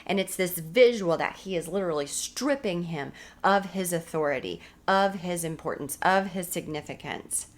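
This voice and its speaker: An American woman with a slightly low voice teaches a recorded women's Bible study. She speaks earnestly and repeats key phrases to drive each point home. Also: animated, normal speed, few pauses.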